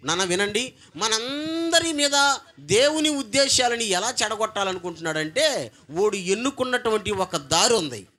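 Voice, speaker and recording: A man preaching a sermon as pastor, calling on the congregation to answer loudly. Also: sits high, very animated, normal speed. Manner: call-and-response, demanding congregation repeat loudly; emphatic, swings between soft and loud.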